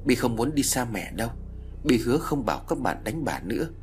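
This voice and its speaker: A man's voice: medium pitch, sing-song, brisk, soft background music, lightly acted. A man voicing a small, clingy, vengeful ghost girl who pleads and sobs, in a storybook reading. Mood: pleading. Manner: sobbing, pleading childlike talk.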